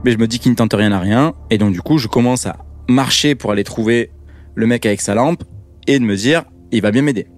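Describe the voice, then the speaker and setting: Homme qui raconte avec entrain. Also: male voice, mid-range voice, fairly quick, soft background music. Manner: lively, dramatic, casual slang. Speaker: podcast guest telling his story. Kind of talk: personal storytelling.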